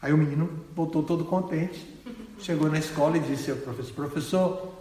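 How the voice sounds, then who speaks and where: A man, a swami giving a lecture, telling a story in an animated way with expressive pauses. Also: a little high. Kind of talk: sermon storytelling. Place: ashram hall. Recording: echoey hall reverb.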